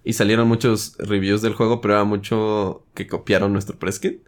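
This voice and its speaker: A man's voice: on the low side, level tone, moderate pace. A man, interviewing a game developer in a casual, curious way. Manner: curious, conversational questions.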